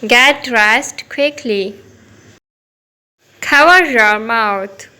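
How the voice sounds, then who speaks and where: A woman teaching simple English phrases to children, saying each one slowly and clearly twice. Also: a little high, bright, forceful tone, poor audio. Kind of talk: repeating phrases for learners.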